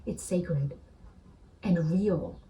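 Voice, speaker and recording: A woman with a low, mellow voice teaches a spiritual practice in a gentle, soothing way. She often checks in with the listener. Her voice sounds a little distant from the mic, with faint noise behind. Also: extremely slow.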